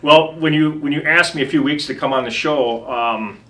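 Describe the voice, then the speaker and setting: A man's voice: a little high, normal speed, a bit bright. A middle-aged man, a home inspector, telling rambling anecdotes with lots of ums and restarts in a casual chat. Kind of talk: casual storytelling.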